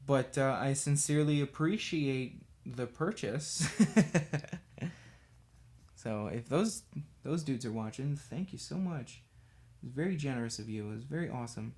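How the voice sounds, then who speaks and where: On a livestream, a man works on miniatures and rambles casually, self-deprecating and absent-minded as he brushes away. He speaks at a moderate pace in a medium, slightly mellow voice.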